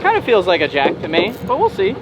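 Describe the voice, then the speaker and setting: High-pitched and fast, this man's voice swoops wildly as he hosts a fishing show from a boat at sea. He talks casually and excitedly to the camera, full of exclamations, while wind and the motor make the recording very noisy.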